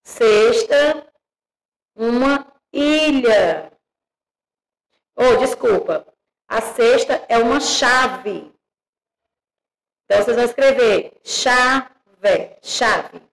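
A Brazilian woman teaching young children, spelling out syllables slowly and checking in with the class. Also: a little high, expressive, vocal fry, rough recording. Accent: Brazilian Portuguese. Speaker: primary school teacher.

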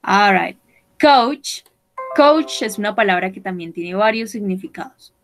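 Woman teaching english slowly, careful steady voice, asks the class lots of questions. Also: medium pitch, soft background music, low-quality recording. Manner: slow, careful, switching between English and Spanish. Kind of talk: online bilingual lesson.

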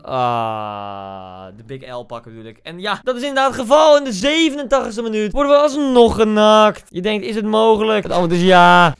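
A man from the Netherlands, a gaming YouTuber, giving casual commentary on his own match, chatty and self-mocking, bursting into loud shouts at big moments. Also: sits high, normal speed, smooth, soft background music. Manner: excitable, bursts into loud shouts at goals and misses; chatty and self-mocking, addressing viewers directly.

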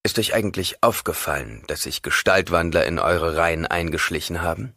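A man playing an ancient, calculating god-emperor in an audiobook, measured and commanding. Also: low voice, vocal fry, pushed and bright, no echo, clean studio sound, heavily acted. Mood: cool.

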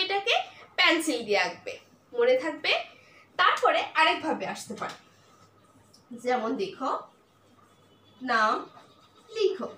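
A woman's voice: high voice, bright, forceful tone. A woman teaching an online class for young children, patiently asking questions and answering them herself. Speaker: primary school teacher. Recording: echoey room with faint noise.

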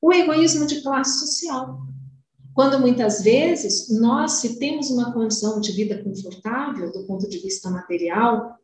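A young woman giving a devotional spiritist lecture over a video call, earnest and measured, stretching key words slowly. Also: a little high, a little mellow. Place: home room, indoors. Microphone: webcam on video call. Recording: roomy echo, distant mic, faint hiss.

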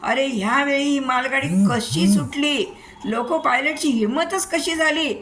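A woman's voice: high voice, measured pace, a bit bright, a little hiss or hum, voice pushed up. A woman doing a stern barking railway boss. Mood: commanding. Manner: commanding, scolding.

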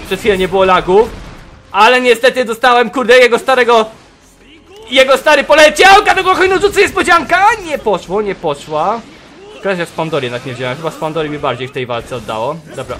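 A young man giving sarcastic, swearing gameplay commentary, often breaking into frustrated shouts. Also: sits high, fairly quick, slight background noise. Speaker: gaming youtuber.

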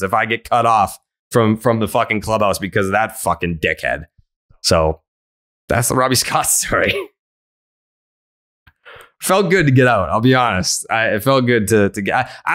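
A young man in his podcast-host voice, neither high nor low in pitch. He tells stories in a loose, rambling way, leaning on "like" and restarting sentences. He swears freely and sounds exasperated. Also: a bit bright. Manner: rambling, heavy "like" fillers, profane, exasperated. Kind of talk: casual storytelling.

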